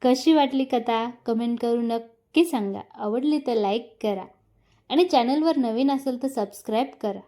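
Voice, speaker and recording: A woman narrates a scripted family romance story in a high voice. Her tone is soft and mellow rather than bright. She reads all of the characters' dialogue herself, only lightly raising her pitch for them. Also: moderate pace.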